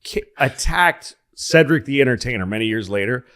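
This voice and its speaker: Animated storytelling man from Massachusetts. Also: medium pitch, normal speed. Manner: animated storyteller, acts out voices in his anecdotes. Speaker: podcast co-host. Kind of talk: casual chat.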